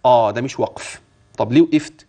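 In a televised Quran recitation class for a religious channel, an Egyptian-accented man with a mellow, mid-range voice chants verses slowly and melodically. Between recitations he switches to brisk, casual colloquial talk, asking his own questions and answering them in the manner of a tutor guiding a student.

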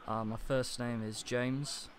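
Posing as a customer, a prank caller phones customer service with a complaint, speaking in a deadpan, deliberate, stiffly formal way at medium pitch. It comes through a computer internet call with clear background noise.

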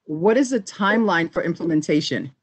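A woman's voice: fairly low pitch, expressive, brisk. Polite woman community board member asking. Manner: polite, probing. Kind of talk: asking questions at a public meeting. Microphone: video call.

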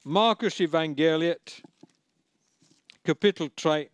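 High-voiced preacher man, emphatic. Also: clear, resonant tone, dry recording. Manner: emphatic, repeats key phrases, plain and direct. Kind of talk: sermon.

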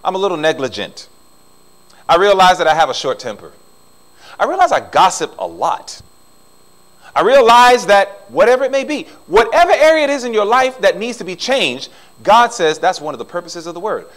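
A middle-aged man preaching a sermon in a church, swinging between loud emphasis and soft asides. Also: sits high, very animated, normal speed, poor audio. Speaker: pastor. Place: church sanctuary.

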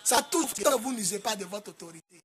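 A man with an Ivorian French accent preaching a sermon in a sing-song cadence, rising to loud shouted commands. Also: high-pitched, lively intonation, brisk. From Côte d'Ivoire. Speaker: apostle preacher.

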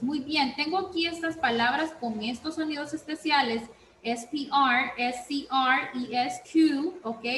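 A woman teacher giving an online reading class, speaking slowly and checking in with frequent questions, mixing Spanish and English. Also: high voice, a bit bright, echoey room, a little hiss or hum, rough recording. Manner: slow, repeats "¿ok?" often, switches between Spanish and English.

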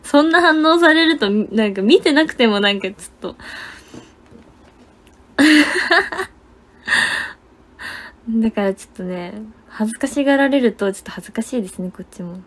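A young woman telling a story in casual livestream chat, animated and laughing often, with lots of fillers. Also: fairly high pitch, moderate pace, pauses often. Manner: chatty, many fillers and gesturing words. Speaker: idol livestreamer.

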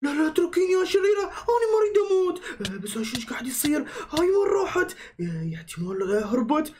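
Woman voicing a high, excitable boy. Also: racing, slight background noise. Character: young boy, the heroine's brave brother. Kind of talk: Minecraft machinima voice acting.

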